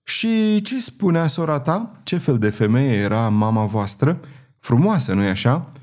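A man voicing a commanding, scheming noble lady who speaks gently and persuasively, in a storybook reading. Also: mid-range voice, big pitch swings, lightly acted. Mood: gentle.

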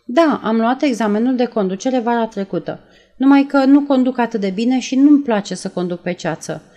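Woman doing a nervous young girl, higher and a bit louder, halting, mellow tone, audiobook. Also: close to an everyday voice. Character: nervous young woman, shaken after a shooting.

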